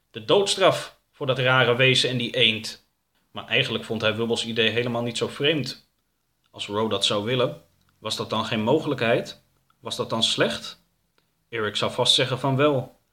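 A man narrating a storybook in a calm, measured way. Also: medium pitch. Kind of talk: storybook reading.

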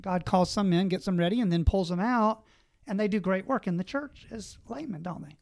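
Earnest priest giving advice. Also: male voice, sits high, a little fast, a little mellow, no echo. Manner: earnest, exhortative, lists points. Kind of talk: conversational advice on a panel.

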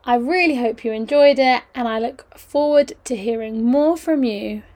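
A woman's voice: on the high side, normal speed, darkish tone. A young woman hosting her own podcast, chatting casually as an agony aunt, rambling and self-mocking, with the odd swear. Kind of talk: casual solo podcast chat.

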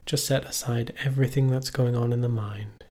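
A man acts as a teacher for a guided meditation, speaking at medium pitch. He gives calm, measured instructions and leaves long pauses between phrases.

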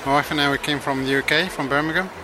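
A man's voice: fairly high pitch, steady tone, quick pace. Hesitant man from Tunisia over noise. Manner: hesitant, many fillers.

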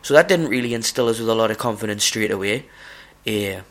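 A man's voice: on the low side, a little fast, a bit bright. A man with a broad Scottish accent hosting a podcast solo, rambling casually, with a sweary, self-deprecating manner. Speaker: podcast host.

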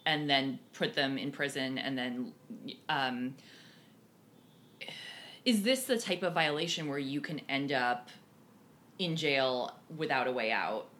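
A woman's voice: extremely low pitch, expressive, slow, pauses often, fairly bright tone. A woman co-hosting a casual talk show, chatty and given to sarcastic asides. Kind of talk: casual chat.

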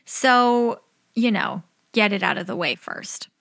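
A woman's voice: mid-range voice, animated, takes it slowly, gravelly, fairly bright tone. A young adult woman giving upbeat, organised advice like a vlogger, chatty and candid, with casual swearing.

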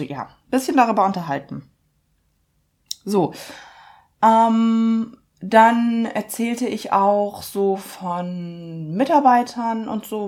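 A woman's voice: medium pitch, a little mellow. A young adult woman, an online fitness and mindset coach, telling a story in a chatty, rambling way with fillers. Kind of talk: casual storytelling monologue.

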